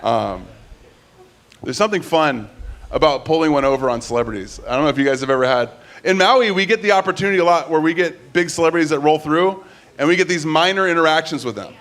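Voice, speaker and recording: A man's voice: a little high, fast talker, fairly bright tone. A man doing casual stand-up storytelling and hosting on stage, acting out bits of dialogue as he goes. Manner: casual, conversational, acts out dialogue. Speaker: comedy open mic host and comedian.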